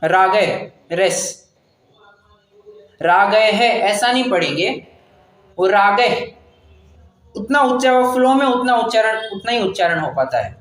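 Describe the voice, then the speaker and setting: A man with a fairly high voice leads a scripture class, patiently walking listeners through pronunciation and chanting verses slowly. He sounds like he is in an echoey room. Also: expressive, fairly bright tone. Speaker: scripture teacher.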